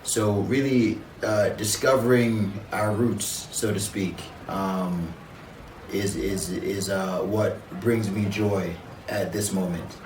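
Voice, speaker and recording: A man from Jamaica, a guest in an interview, speaking in a measured, reflective way with frequent pauses and fillers. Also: sits low, steady tone, darkish tone, roomy sound, recorded from a distance, a little hiss or hum, rough recording. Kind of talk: conversational interview.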